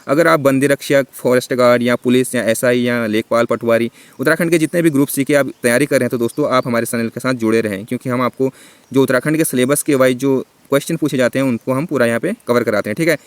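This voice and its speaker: A man teaching an exam-prep grammar lesson, who keeps checking in with his listeners and stretches vowels out slowly to show them. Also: medium pitch, no echo. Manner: repeats "theek hai" and "doston" constantly.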